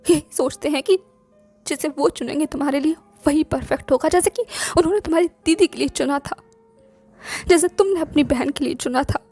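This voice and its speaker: A woman's voice: sits high, a little mellow, natural voice. A woman voicing a young woman in love who pleads emotionally, as an audiobook character voice. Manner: emotional, pleading, teasing at times.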